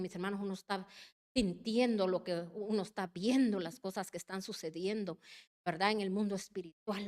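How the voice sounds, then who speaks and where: A woman preaching a sermon with passion, calling her listeners her brothers again and again and swinging between loud urging and quiet, heartfelt pleading. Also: mid-range voice.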